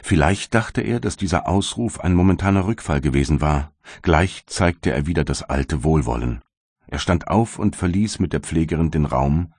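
A man's voice: a bass voice, lively intonation, moderate pace, darkish tone, no room sound, clean studio sound. A man narrating an audiobook in the first person with a solemn, anguished delivery. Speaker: audiobook reader.

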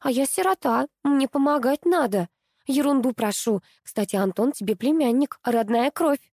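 Woman narrator voicing a spiteful, pushy young woman; shrill and demanding, dry close sound. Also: moderate pace, darkish tone, no echo. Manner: whiny, demanding, shrieking.

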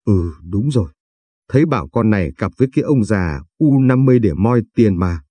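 A man's voice: on the low side, expressive, brisk, dark tone, husky, dry recording. A man reading the lines of a spiteful gossiping woman bystander.

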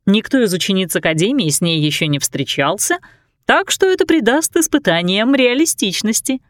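A fussy, loving old fairy nanny from a storybook, gently scolding and soothing, as a woman reads her lines. Her pitch rises and falls freely, close and dry. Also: expressive, moderate pace, no echo, natural voice. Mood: fussing.

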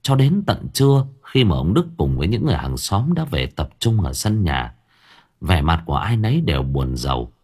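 A man narrating an audiobook story in a lively, expressive way. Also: low voice, normal speed, slightly rough.

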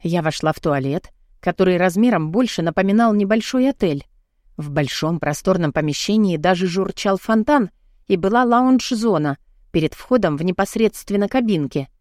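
A woman's voice: animated, normal speed, darkish tone, dry recording, studio quality. A woman narrating a first-person audiobook with tense, panicked delivery. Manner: tense, panicked, raising pitch in outbursts.

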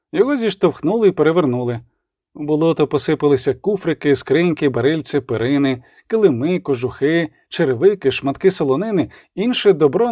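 A man narrating an audiobook in a steady dramatic reading. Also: on the high side, dry recording, clean studio sound. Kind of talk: scripted narration.

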